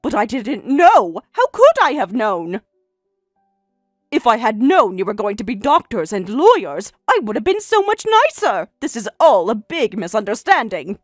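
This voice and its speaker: A snobbish, easily scandalized sister-in-law played by a woman from a family drama story. Her voice sits fairly high and swings widely as she blusters in disbelief. The sound is dry and close, over faint music. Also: big pitch swings, normal speed, no room sound. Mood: regretful, pleading. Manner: incredulous, blustering, repeats words when flustered. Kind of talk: acted dialogue in a narrated family drama.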